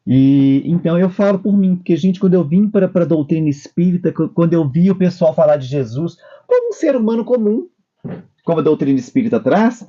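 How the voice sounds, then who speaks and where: A man's voice: a little high, big pitch swings, fairly quick, dark tone, highs cut off. A man co-hosting a spiritist discussion program, earnestly explaining from his own experience. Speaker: co-host.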